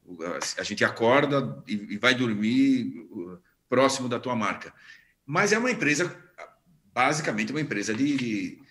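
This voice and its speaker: A man's voice: mid-range voice, expressive, moderate pace, fairly bright tone. A man moderating a panel on a video call, chatty and jovial with his guests.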